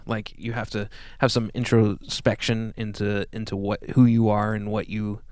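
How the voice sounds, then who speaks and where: A man hosting a casual podcast chat, rambling and trailing off softly. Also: on the low side, flat delivery, normal speed, smooth, dry recording, clean studio sound. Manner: rambling, laid-back, often trails off quietly.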